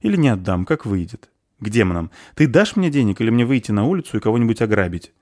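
A man's voice: on the low side, very animated, fast, a little mellow, pitched above the performer's own voice. A man voicing an impulsive, guilt-ridden young man who speaks in an agitated, remorseful way in an audiobook. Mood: troubled.

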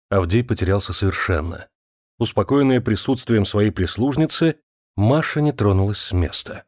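A man reading a classic novel aloud in a measured, expressive storytelling voice. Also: lowish voice, no echo, studio quality. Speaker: audiobook narrator. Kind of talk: scripted literary narration.

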